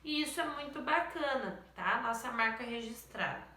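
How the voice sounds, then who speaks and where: A woman teacher slowly going over exercises in a recorded lesson, stopping often to check that the students follow. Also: on the high side, animated, pushed and bright, reverberant.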